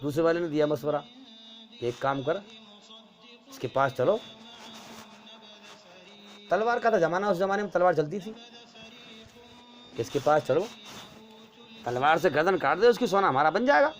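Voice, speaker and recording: A male preacher telling a moral story as a sermon, in animated narration that acts out the characters. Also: on the high side, long pauses.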